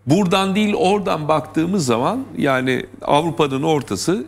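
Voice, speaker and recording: A man hosting a television talk show, asking probing questions and reasoning aloud with pauses. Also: fairly high pitch, lively intonation. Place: television studio.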